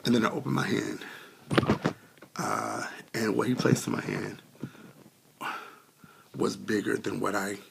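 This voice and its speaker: A man tells an earnest personal testimony with many ums, trying not to cry and still coughing a little. His voice is low and deeply gravelly with fry. A faint hiss of noise sits behind him. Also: steady tone, a little slow, long pauses. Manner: earnest, many fillers, on the edge of tears. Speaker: vlogger sharing a testimony. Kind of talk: casual heartfelt testimony.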